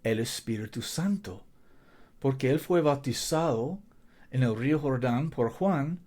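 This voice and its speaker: Slow-paced man preaching. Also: medium pitch, animated, darkish tone. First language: not a native Spanish speaker. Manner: emphatic, repeats key phrases. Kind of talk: Bible-teaching sermon.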